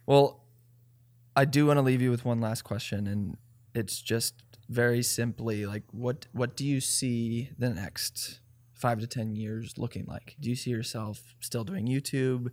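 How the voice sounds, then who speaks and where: A man hosting a podcast interview, relaxed and encouraging as he asks questions. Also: mid-range voice, a little slow, dry recording. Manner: relaxed, affirming listener. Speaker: podcast host. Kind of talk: casual interview conversation.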